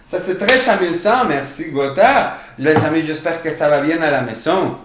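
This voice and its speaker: A man's voice: fairly high pitch, expressive, normal speed, background noise. A man leading children through drum rhythms, encouraging them to repeat after him. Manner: cheerful, encouraging, calling out rhythms. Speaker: drum workshop co-leader. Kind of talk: leading call-and-response rhythms. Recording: echoey room, loud drums.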